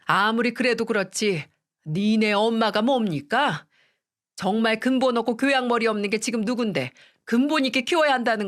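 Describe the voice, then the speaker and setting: A woman voicing a protective middle-aged mother who speaks in a measured, stern way through clenched teeth. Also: on the high side, a bit bright. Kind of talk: storytelling radio, acted quote.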